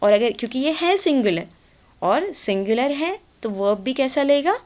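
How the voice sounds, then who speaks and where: A woman's voice: high-pitched, very animated, normal speed, darkish tone. A woman with an Indian accent teaching a grammar class. She explains patiently, switches between Hindi and English and keeps checking that students follow.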